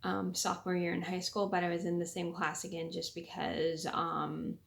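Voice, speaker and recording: Quiet young woman with a creaky voice. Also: on the low side, little pitch movement, moderate pace. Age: young adult. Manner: talking quietly so as not to wake sleeping people at night. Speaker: vlogger. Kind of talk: casual storytime vlog.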